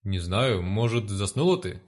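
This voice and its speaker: A man voicing a deep-voiced, calm and doubtful man who speaks low and unhurried. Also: close to an everyday voice.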